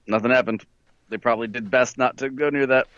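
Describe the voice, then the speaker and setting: A man chats casually over an internet call line, loose and full of fillers. The sound is dull, dry and close, with the thin quality of a call connection that sometimes cuts out. His pitch sits in an ordinary middle range for a man. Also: steady tone, quick pace, fairly bright tone, no echo. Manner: loose, filler-heavy, says "like" a lot. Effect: heard over an internet call line that cuts out. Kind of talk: casual chat.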